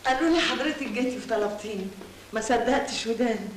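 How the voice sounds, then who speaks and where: An actress with an Egyptian accent playing an older imprisoned mother, soft, affectionate and resigned. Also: fairly high pitch, quick pace, roomy sound, a little hiss or hum, lightly acted. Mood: tender. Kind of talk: film drama acting.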